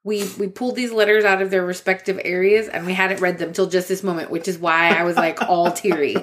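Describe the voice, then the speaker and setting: A woman's voice: fairly low pitch, level tone, a little fast, fairly bright tone. Chatty young woman telling a story. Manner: chatty, laughs often, many likes and ums. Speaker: podcast co-host. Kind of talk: casual storytelling chat.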